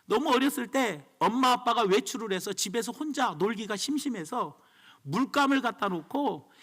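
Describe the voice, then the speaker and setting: A man's voice: extremely high pitch, animated, normal speed, a bit bright. A man preaching a sermon as pastor, emphatic and storytelling.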